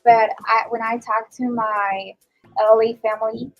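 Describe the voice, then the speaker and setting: A woman's voice: a little high, little pitch movement, measured pace, highs cut off, faint music behind. A young woman chatting on a school radio show, filling her talk with "like". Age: young adult. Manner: chatty, leans on "like" as a filler. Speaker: student guest on school radio. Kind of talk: casual chat.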